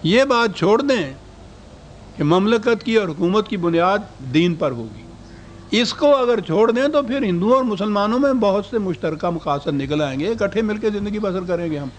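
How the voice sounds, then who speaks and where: A man's voice: high-pitched, animated, slight background noise. An older man giving a scholarly lecture, reading out historical quotations and putting rhetorical questions to his audience.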